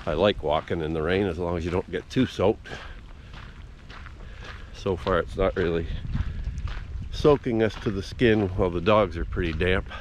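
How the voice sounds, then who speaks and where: Holding his camera at arm's length on a rural trail in the rain, the older vlogger narrates his walk in a low voice, casual and understated, pondering as he goes. He speaks at a normal speed with long pauses, and there's slight background noise.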